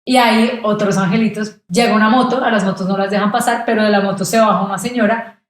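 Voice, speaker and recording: A woman's voice: mid-range voice, fast talker. Colombian woman telling a story in an echoey room. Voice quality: animated, acts out quoted voices. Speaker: podcast guest. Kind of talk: casual storytelling.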